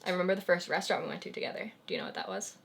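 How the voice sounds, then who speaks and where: A young woman hosting her own vlog in casual chat, talking with lots of "like" and trailing off softly. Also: on the low side, very fast, vocal fry, a little hiss or hum. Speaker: vlogger host.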